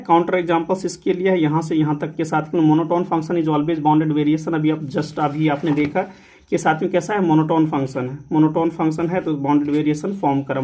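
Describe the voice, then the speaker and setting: A man's voice: on the high side, darkish tone. A man giving an exam-prep maths lecture, mixing Hindi and English, repeating key rules and asking and answering his own questions. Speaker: maths teacher.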